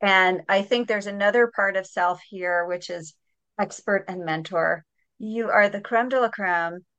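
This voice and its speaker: A woman's voice: medium pitch, measured pace, fairly bright tone, clear, resonant tone, no echo, dull audio. A woman hosting a live parenting session, upbeat and encouraging with her guest and the parents. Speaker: host.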